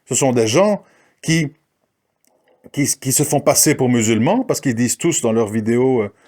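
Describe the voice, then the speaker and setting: A man's voice: medium pitch, animated, normal speed, darkish tone. A man delivering a combative spoken monologue, challenging his listeners and mocking the people he criticizes. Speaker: commentator. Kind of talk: ranting monologue.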